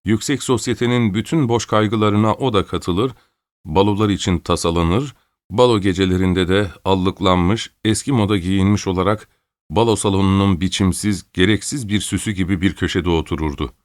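Low-voiced male audiobook narrator. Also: normal speed, dry recording, studio quality. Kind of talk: scripted narration.

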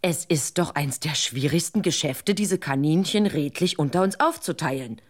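A woman voicing a foolish man who thinks himself clever, talking slowly and self-importantly. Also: low-pitched, animated. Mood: pompous.

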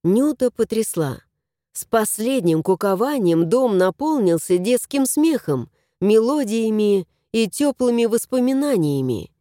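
A woman narrating a children's fairy tale, her voice moving lively up and down. The tone is dark and mellow. The recording is dry and close to the mic. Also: on the high side, unhurried, dry recording. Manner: lively expressive storytelling.

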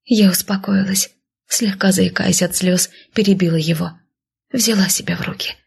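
A woman giving a soft, hushed first-person audiobook narration. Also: mid-range voice, fairly even intonation, moderate pace, creaky, slightly rough.

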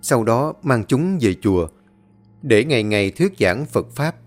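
A man reading a ghost story aloud in a steady, measured way. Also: medium pitch, soft background music. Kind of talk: scripted ghost story narration.

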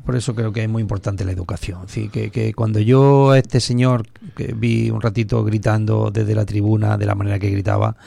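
A man's voice: lowish voice, little pitch movement, a little fast, gravelly, mellow. A man with a Spanish accent, chatting as a guest on a radio talk show, hesitant with many restarts and fillers. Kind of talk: casual radio conversation.

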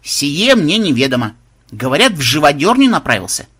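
A man's voice: fairly high pitch, very animated, a bit bright, husky, heavily acted. A man voicing an eager, servile young male monk who speaks in a hurry. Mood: hurried. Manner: hurried, servile.

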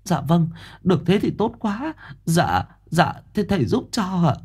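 A man's voice: high-pitched, big pitch swings, a little slow, a little mellow, slightly rough, voice pushed up, full character voice. A man voicing an anxious, wealthy middle-aged mother who pleads politely. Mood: fawning.

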